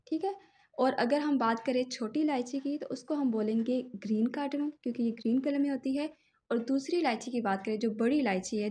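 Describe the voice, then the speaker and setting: Patient woman teacher with a higher voice. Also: darkish tone. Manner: patient, often checks in with "theek hai?"; repeats words slowly to model pronunciation. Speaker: language teacher and channel host. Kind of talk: casual explanatory vocabulary lesson.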